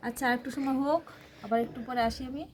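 A woman with a slightly high, hoarse voice talks casually to her viewers, calling them friends as she films outside on a sunny rooftop. Her phone recording carries clear outdoor noise behind her. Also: steady tone, fast, darkish tone. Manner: chatty, addresses viewers as friends. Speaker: vlogger. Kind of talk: casual vlog narration.

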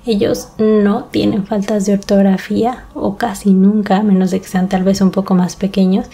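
Mexico City woman, mellow voice. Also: mid-range voice, little pitch movement, moderate pace, creaky. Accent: Mexico City Spanish. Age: 30s. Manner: candid, conversational, talks to listener directly. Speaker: podcast host. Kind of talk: casual monologue podcast.

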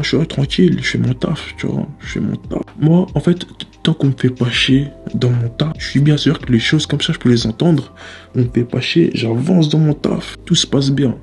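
Gravelly young man telling a story. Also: mid-range voice. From Paris area. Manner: relaxed, slangy, rambling with frequent "tu vois". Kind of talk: casual storytime monologue.

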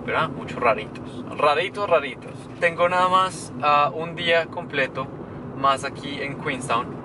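A chatty, playful Colombian travel vlogger with a medium-pitched voice addresses viewers directly in a casual vlog. He films in a small car while driving and outdoors on town streets, with the camera dashboard-mounted or held at arm's length, and noisy road and street ambience fills the recording.

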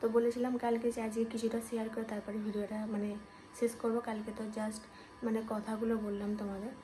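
A woman, a new mother, chatting casually to her viewers as friends in a home vlog, talking softly so she won't wake her baby. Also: on the high side, little pitch movement, fast talker, poor audio. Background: background music.

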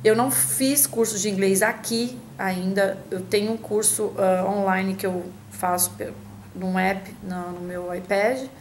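A woman's voice: medium pitch, fairly even intonation, unhurried, slight background noise, rough recording. A woman from Brazil talking casually to camera at home, chatty and hesitant, with many restarts and fillers. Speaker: vlogger answering a tag.

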